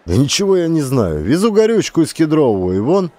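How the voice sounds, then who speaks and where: A man voicing a calm, kindly historian who speaks softly and reassuringly. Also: a little high, fairly quick, no room sound, voice pushed up. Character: calm kindly male historian, middle-aged.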